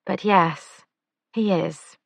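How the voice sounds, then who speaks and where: A woman's voice: on the low side, fairly even intonation, drawn-out words, gravelly, dry recording, lo-fi sound, full character voice. A woman voicing a careful young female pastry chef with dry humour in an audiobook.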